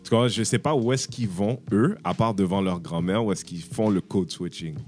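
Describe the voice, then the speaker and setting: Guy hosting a podcast, really low voice, chatty, asks stuff. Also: normal speed, darkish tone, faint music behind. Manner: conversational, asks questions, switches into English phrases. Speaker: podcast host. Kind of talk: casual podcast chat.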